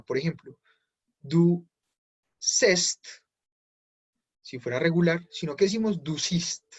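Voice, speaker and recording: A husky, fairly high-voiced man, teaching German grammar step by step to a class. The sound is dull and muffled. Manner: explains step by step, switching between Spanish and German drills. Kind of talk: online class explanation.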